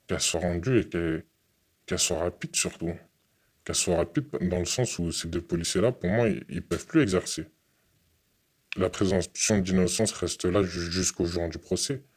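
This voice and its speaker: A young man from France giving an earnest, halting interview testimony, often repeating his words. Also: sits low, breathy edge.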